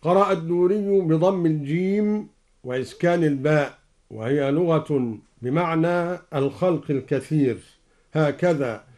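A man explaining recitation variants in a measured religious lesson on a radio broadcast, speaking slowly and deliberately. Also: on the high side, darkish tone. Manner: slow, deliberate explanation between recited verses. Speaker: Quran radio scholar explaining readings. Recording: live broadcast from a Quran radio station.

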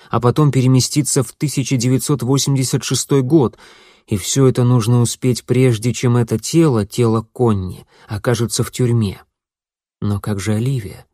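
A man's voice: medium pitch, dark tone, no room sound. Man reading an audiobook, dry sound. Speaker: audiobook narrator. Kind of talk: scripted audiobook narration.

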